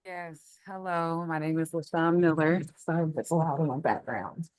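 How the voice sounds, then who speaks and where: A woman's voice: low-pitched, moderate pace, darkish tone. A woman from Chicago asking a long question in an online panel, slightly out of breath and full of ums. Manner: earnest, explains at length with many ums. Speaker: audience member asking a question. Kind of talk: webinar question.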